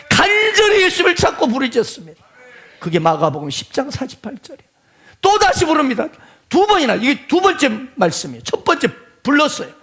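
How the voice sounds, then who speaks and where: A man preaching a sermon in a strikingly high, gravelly voice. His pitch leaps around, and he drops into quiet asides before rising to shouted, pleading calls. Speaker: pastor.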